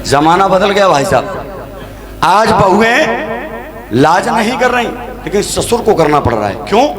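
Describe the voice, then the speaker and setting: High-voiced joking male stage comic. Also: big pitch swings, measured pace. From Agra, India. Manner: joking, chatty, addresses the crowd directly and often laughs. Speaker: devotional night-vigil singer and compere. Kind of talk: comic storytelling to a live audience. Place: outdoor or tented stage at a religious night vigil. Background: live band music.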